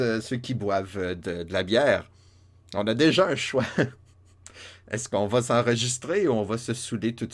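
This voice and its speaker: A man gives casual, playful commentary on a game, joking along as he plays. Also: mid-range voice. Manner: playful, joking, many fillers and restarts. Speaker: let's play host.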